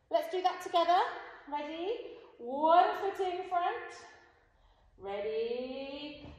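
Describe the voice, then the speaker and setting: A woman in her thirties instructing young children like an upbeat kids show host, encouraging and sing-song while demonstrating moves. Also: high voice. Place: large indoor gymnastics hall. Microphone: far camera. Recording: very echoey hall from a distance, faint noise.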